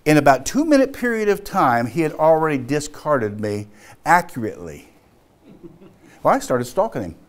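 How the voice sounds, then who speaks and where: Male business speaker, storytelling keynote, animated, halting, laughs often. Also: a little high.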